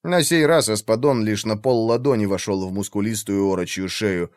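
A man narrating a fantasy audiobook in a steady, expressive storytelling manner. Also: fairly low pitch, moderate pace, dry recording, studio quality.

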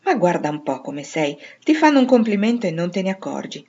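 A woman's voice: fairly low pitch, big pitch swings, fairly quick, a little mellow, muffled recording. A woman voicing a sentimental, romantic older sister with a knowing air. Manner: dreamy, knowing.

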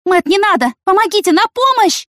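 A woman voicing an impulsive, excitable young heroine who talks emotionally and in rushes. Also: high voice, dry recording, studio quality, voice pushed up. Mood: frightened.

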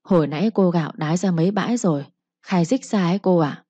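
A woman's voice: on the low side, fast talker, mellow, breathy edge, no echo, lo-fi sound. A woman voicing a young servant girl who answers her mistress humbly and pleads with her. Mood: wheedling.

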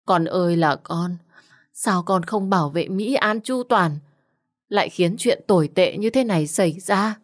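A woman's voice: on the low side, measured pace, pauses often, a little mellow. A woman voicing a distraught older mother who wails and demands answers. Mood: wailing. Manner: wailing, distraught. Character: older mother, grief-stricken and accusing.

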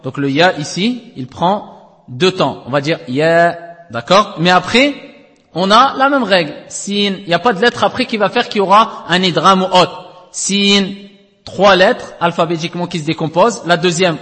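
A man's voice: high voice, animated, normal speed, sharp tone. Man, recitation teacher, patient step-by-step explaining, stretched chanted letters, lingering reverb. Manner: explanatory, checks understanding with frequent tag questions, chants letters at length. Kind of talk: classroom lesson on Quranic recitation rules.

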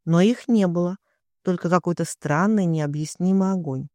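A woman's voice: on the low side, moderate pace, no room sound, studio quality. Woman narrating a romance audiobook. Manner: emotional, expressive first-person reading.

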